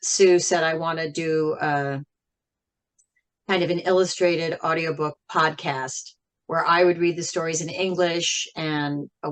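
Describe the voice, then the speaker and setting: A woman with a slightly low voice answers questions as an interview guest; she is a singer and writer. She speaks very slowly and reflectively, in a measured, thoughtful way, weighing her phrases and pausing often.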